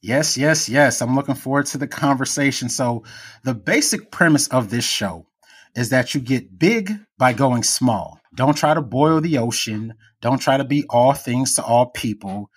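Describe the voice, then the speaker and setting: A man's voice: mid-range voice, measured pace, breathy edge. A man hosting a podcast, introducing his guest and interviewing her in an upbeat, enthusiastic way. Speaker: podcast host. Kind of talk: scripted show intro and interview.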